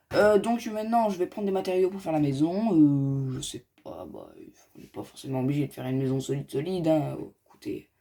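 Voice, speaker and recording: A man's voice: fairly high pitch, vocal fry, dark tone. A man giving casual game commentary as a gaming youtuber, chatty and rambling, talking straight to his viewers.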